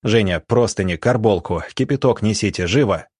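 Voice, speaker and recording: A man's voice: lowish voice, normal speed, a little mellow, husky, no echo, clean studio sound. A man doing a firm, terse field doctor. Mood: commanding. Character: calm authoritative field doctor, middle-aged man.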